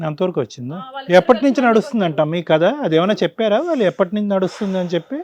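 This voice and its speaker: A man's voice: sits high, expressive, quick pace, darkish tone, dry recording. A man counseling on a family dispute show, asking probing questions that turn stern. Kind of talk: questioning a couple.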